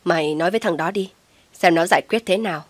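A woman voicing an enraged middle-aged mother who shouts and scolds harshly, in a dry, close recording. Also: on the low side, fast, dry recording, natural voice. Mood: stern scolding.

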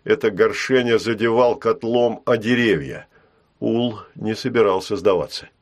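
Low-voiced male audiobook narrator. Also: moderate pace.

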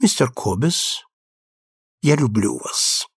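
A man's voice: big pitch swings, takes it slowly, slightly rough, dry recording, studio quality, full character voice. A man reading aloud and voicing a gushing, theatrical society lady with breathless, exalted speech. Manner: breathless, exalted, swooping high.

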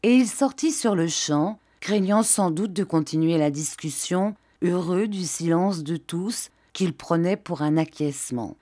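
A woman narrating a classic novel as an audiobook, with expressive storytelling. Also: on the low side, unhurried, hardly any pauses. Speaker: audiobook reader.

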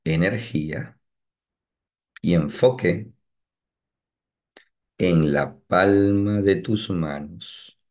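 Leading a guided meditation, a low-pitched man delivers calm directions in short phrases, pausing at length between each.

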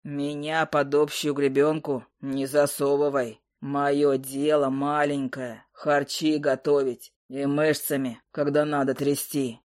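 Brief: woman voicing a low, gruff, blunt male troll cook from a storybook. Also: little pitch movement, slow pace, hardly any pauses, a little mellow. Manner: folksy, blunt, phlegmatic.

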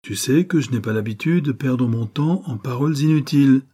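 A man's voice: mid-range voice, fairly quick, breathy edge, voice pushed up, lightly acted. A man voicing a cold, scheming female adventuress who threatens her lover with icy menace in an audiobook reading. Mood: menacing. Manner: icy, threatening, rising to shouts.

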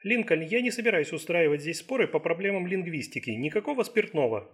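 A man's voice: a little high, lively intonation, a little fast, slightly rough, pitched above the performer's own voice. A man voicing a patient but unyielding male caretaker in an audiobook thriller. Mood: firm. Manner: firm, unyielding.

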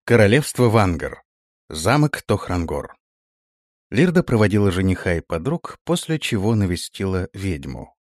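A man's voice: deep voice, big pitch swings, moderate pace, dry recording, clean studio sound. A man reading a fantasy audiobook aloud, narrating expressively and voicing every character.

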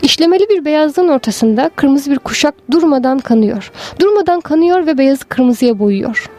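A woman giving a slow, measured, lyrical literary narration of a story. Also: high-pitched, animated, a little mellow, faint music behind. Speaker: story reader.

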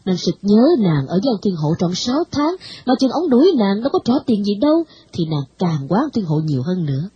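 A woman reading a novel aloud with expressive storytelling. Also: medium pitch, fairly quick, hardly any pauses, breathy edge, muffled recording. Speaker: narrator. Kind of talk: audiobook narration of a novel.

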